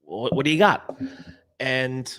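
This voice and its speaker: A man hosting a casual live-stream talk show, animated and repeating himself as he restarts sentences. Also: medium pitch, slow pace. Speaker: show host.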